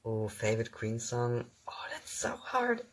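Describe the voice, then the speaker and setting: A young actor, whose first language is German, speaks a little slowly in a mid-range, very animated voice. Hosting his own phone livestream, he reads viewer questions aloud and answers casually with ums and easy laughs.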